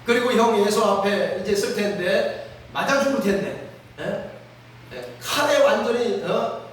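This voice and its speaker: Pastor, male, high voice, earnest preaching, prompts listeners often, recorded far off in a very echoey room. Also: a little slow. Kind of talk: sermon. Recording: very echoey room, mic at a distance.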